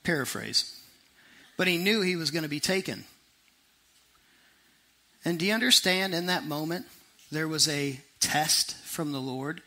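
Bright-voiced preacher, animated. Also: male voice, fairly high pitch. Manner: animated, conversational preaching with quick asides and dramatic slowdowns. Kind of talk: sermon.

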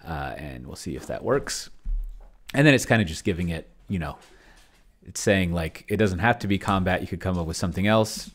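A middle-aged man with a low voice, lively intonation and a slightly fast pace mutters and rambles to himself as he reads and types on a screen share. He's testing an AI dungeon master as a solo roleplayer from an indoor home room with shelves.

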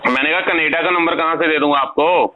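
Over a tinny, noisy phone line, a young man stalls a debt collector who has called him. His voice is a little high, steady in tone and brisk.

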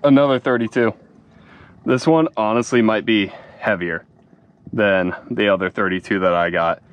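A young man hosting a fishing vlog from a small boat at dusk, chatting casually and excitedly, saying "dude" a lot. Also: lowish voice, moderate pace, no echo, highs cut off. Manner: excited, laid-back, says "dude" a lot. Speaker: fishing channel host. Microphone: action camera mounted on cap.

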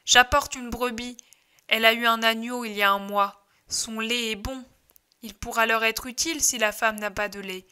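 A woman voicing a gentle, eager male shepherd from a devotional audiobook, urging his companions along with a bright, clear tone. He sounds tender and keen, a storybook herdsman rather than a gruff one. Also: extremely high pitch, steady tone, normal speed, full character voice.

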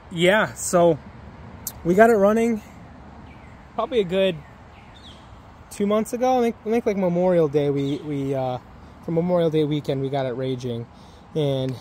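A man's voice: fairly high pitch, darkish tone, slight background noise. Laid-back man filming outdoors. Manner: laid-back, rambling with fillers. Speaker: vlogger. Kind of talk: casual vlog walkthrough. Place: outdoor yard by woods. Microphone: handheld camera at arm's length.

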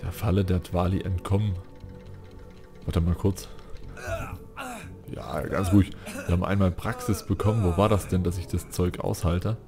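A man's voice: low voice, fairly even intonation, moderate pace, long pauses, over music. A man playing a video game and commenting casually, reading in-game text aloud and swearing when he gets frustrated. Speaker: let's play gamer.

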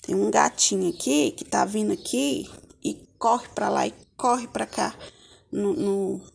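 A Brazilian woman hosts a homemade gardening video in an informal, homely way. Her mid-pitched voice has noticeable creak. It is recorded outdoors on a handheld device, with faint background noise and small clicks. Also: a little slow, a little mellow. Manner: addresses viewers as little friends, homely and informal. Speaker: gardening vlog host. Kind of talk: casual hands-on gardening tutorial. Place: outdoor home yard with potted plants.

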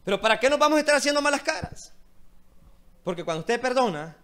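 A man's voice: very high voice, animated, fast talker, a bit bright. A man pastor preaching a sermon, speaking directly to his listeners with fervent emphasis. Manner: impassioned preaching, repeated direct address to listeners.

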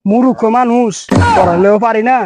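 A man playing an illiterate villager in a comedy sketch, talking in a loud, fussy, scolding way. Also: extremely high pitch, normal speed, noisy background.

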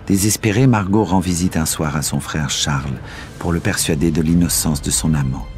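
A man narrating a classic novel in a measured storytelling voice over faint music. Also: very deep voice, a little mellow. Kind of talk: scripted literary narration.

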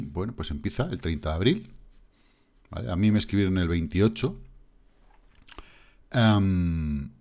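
A deep-voiced man talks casually over his screen. He reads chat messages aloud and mocks them with dry sarcasm, in the loose style of an online commentary host. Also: darkish tone. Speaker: crypto channel host.

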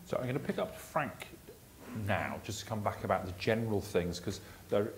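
A man chairing a discussion panel, calmly passing the floor to speakers. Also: lowish voice, moderate pace, a little hiss or hum, low-quality recording.

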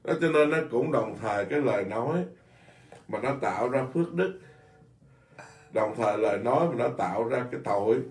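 A man's voice: medium pitch, fairly quick, pauses often, reverberant, recorded from a distance. A man, a Buddhist monk, giving an informal dharma talk in a blunt, scolding way, repeating himself often. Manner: blunt, scolding, animated with many repetitions.

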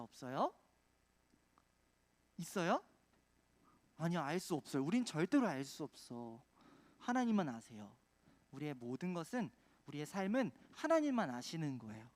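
A man preaching a children's sermon, quizzing the kids with call-and-response questions. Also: sits high. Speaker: children's pastor.

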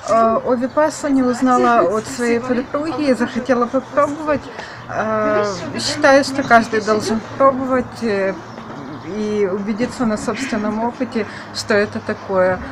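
A woman's voice: a little high, moderate pace, crowd noise, rough recording. A woman in her twenties, an accountant, giving a friendly and open testimonial to camera outside a building. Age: 20s. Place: outdoors by a building. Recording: outdoor recording with clear ambient noise.

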